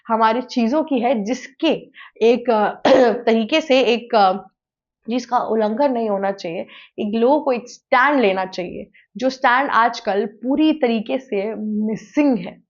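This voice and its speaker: A woman with a fairly high voice makes her case to camera in an argumentative opinion commentary for a news channel. She keeps pressing the point with rhetorical questions. The recording sounds slightly dull and lo-fi.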